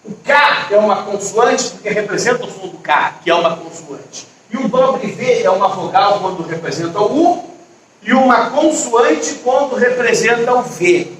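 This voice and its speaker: A man with a high voice explaining grammar to a class, stopping often to ask if they are following. He sounds set back from the mic in a very echoey room, with a faint hiss behind him. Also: lively intonation, normal speed, a bit bright, recorded from a distance. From Brazil. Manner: explanatory, checks in with students often. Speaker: teacher. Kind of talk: online grammar lesson.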